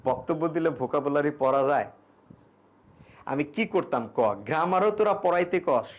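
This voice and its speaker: Young man, English grammar teacher, fairly high voice, casual explaining, reads out student questions. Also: vocal fry. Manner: reads student questions aloud and answers them. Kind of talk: online exam-prep grammar class.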